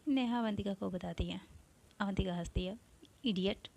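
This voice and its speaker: A woman's voice: mid-range voice, normal speed, creaky, dark tone. A woman narrating a romance story in a casual tone, mixing English words into her narration.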